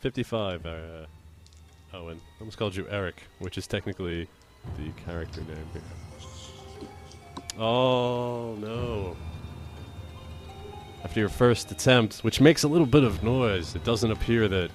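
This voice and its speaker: Male game master, deeper voice, casual tabletop narration over faint background music. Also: measured pace, long pauses. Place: indoors at a game table on an online call.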